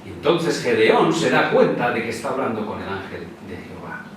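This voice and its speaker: A pastor with a Spanish accent preaches in a church hall, telling the story conversationally and acting out the quotes. His mid-range voice is sing-song and fairly quick, and with him far from the mic, the very echoey hall comes through along with a little hiss or hum.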